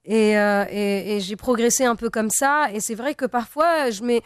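Answering interview questions as a singer, a young native-Arabic-speaking woman from Tunisia speaks hesitantly, full of fillers and restarts. Her slightly high voice runs at normal speed with a clean tone, studio quality and no room sound.

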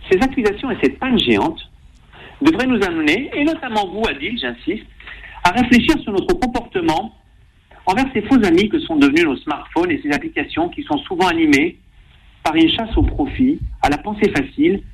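A man's voice: a little high, a little hiss or hum, low-quality recording. A middle-aged man, a doctor, giving an ironic spoken radio column in long sentences.

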